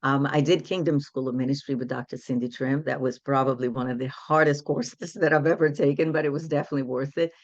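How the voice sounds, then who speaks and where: Speaking fast with hardly any pauses and fairly even intonation, this woman in her sixties from Brazil has an extremely low voice. A women's empowerment coach whose first language is Portuguese, she shares stories in English, earnest and reflective, in a casual interview captured in dry, dull audio.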